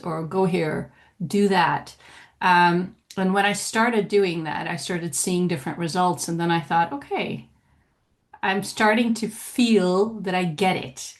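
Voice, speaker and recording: A woman co-hosting a podcast, speaking in a reflective, measured way. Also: on the low side. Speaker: podcast co-host. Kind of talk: casual chat.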